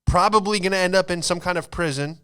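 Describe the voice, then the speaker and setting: Speaking at a quick pace in a high-sitting voice that is a bit bright, clear and resonant, an American man in his late twenties rambles through comic stories on his podcast, casual and slangy throughout.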